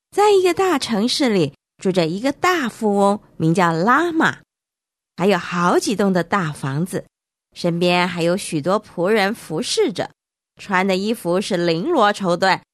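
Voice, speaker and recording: A woman narrating a Bible story for children, animated and speaking directly to the young listeners. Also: medium pitch, no room sound, clean studio sound.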